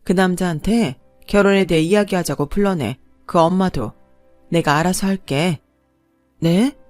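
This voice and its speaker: Woman doing a wealthy executive lady, firm, unhurried, in charge. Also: lowish voice, a little mellow, faint music behind, lightly acted. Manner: firm, cool, authoritative. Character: commanding wealthy middle-aged woman executive.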